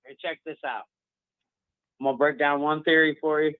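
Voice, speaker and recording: A man's voice: on the high side, fairly even intonation, moderate pace, no echo. A man calling in to a talk show over the phone, rambling through conspiracy theories in casual chat. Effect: heard over a phone line. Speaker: caller. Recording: tinny phone line.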